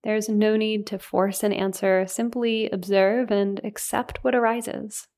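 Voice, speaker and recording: Female meditation guide, mid-pitched voice, soothing and unhurried, gentle pauses between phrases. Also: flat delivery.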